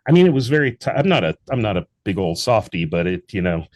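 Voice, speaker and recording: This guest's voice is on the low side, darkish and sing-song, and he talks fast. Interviewed casually over a call, the theatre founder and actor describes his theatre work earnestly in long, meandering sentences.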